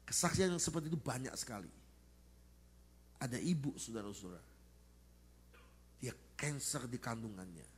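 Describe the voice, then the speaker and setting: A man, a pastor, preaching a sermon at a church service and telling stories to the congregation in an animated way, with sudden loud rises at the high points. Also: normal speed, long pauses, background noise. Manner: animated storytelling, addressing the congregation.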